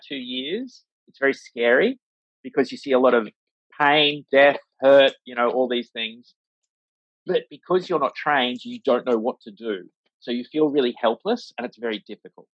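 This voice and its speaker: A man's voice: mid-range voice, no echo. A man who works as a vet, chatting casually in an interview with a rambling, filler-heavy manner and acting out the voices he quotes. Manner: acts out voices when quoting. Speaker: veterinarian, interview guest. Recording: slightly dull, dry lo-fi recording.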